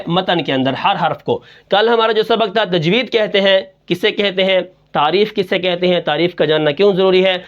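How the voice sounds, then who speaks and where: High-voiced man teaching recitation rules. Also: fairly bright tone, dull audio. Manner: asks and answers his own questions, drops low on the answer; breaks into slow, drawn-out Quran recitation to demonstrate. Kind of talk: tajweed lesson in Urdu.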